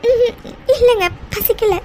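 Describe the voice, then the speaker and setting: A woman voicing a gentle, dutiful young wife in a cartoon, speaking softly and politely. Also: very high voice, fairly even intonation, normal speed, a little hiss or hum. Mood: meek. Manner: soft, polite, reassuring. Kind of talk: cartoon dubbing.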